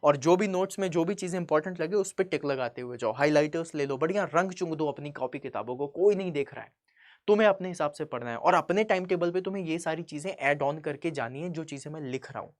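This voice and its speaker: A man's voice: a little high, fast talker. A young man, a coaching teacher, giving conversational motivational study advice, checking in with tag questions and building to emphatic points.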